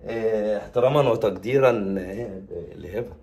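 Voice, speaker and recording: A man's voice: lowish voice, moderate pace, darkish tone. A man with an Egyptian accent, hosting a vlog with pushy, teasing banter. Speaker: vlogger host. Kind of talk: playful staged vlog banter.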